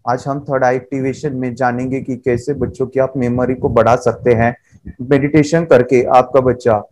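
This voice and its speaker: A man imitating a dull male presenter who speaks without emotion, in a low monotone. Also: close to an everyday voice.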